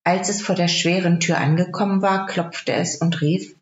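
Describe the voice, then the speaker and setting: A woman reads a fairy tale aloud in a calm, measured storybook style. Her voice sits in a roomy space, and the recording is dull and lo-fi. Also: fairly low pitch.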